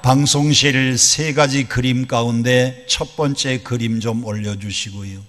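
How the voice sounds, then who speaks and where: A male pastor of average pitch delivers a sermon in a large church sanctuary and speaks into a PA microphone. He leads the congregation in call-and-response and adds folksy, joking asides. A long reverb from the hall trails each phrase. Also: fairly even intonation, unhurried, fairly bright tone.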